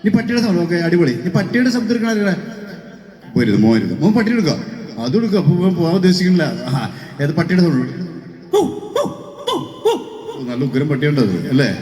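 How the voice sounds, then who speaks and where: A man hosting a mimicry act on stage, teasing the audience with quick questions. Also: high-pitched, a little mellow. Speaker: stage mimicry artist and host. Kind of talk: lively stage chat with the audience. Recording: echoey hall with faint music.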